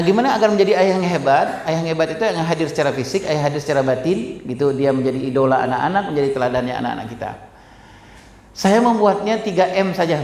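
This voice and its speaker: A man's voice: on the high side, vocal fry, a little mellow. A middle-aged man gives a parenting seminar talk, speaking straight to the audience and often poking fun at himself. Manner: addresses audience directly, frequent self-deprecating humor. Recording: echoey hall.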